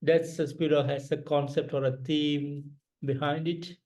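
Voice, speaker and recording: Mellow-voiced male interviewer. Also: fairly high pitch, little pitch movement, low-quality recording. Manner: repeats praise words, halting. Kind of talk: interview questions.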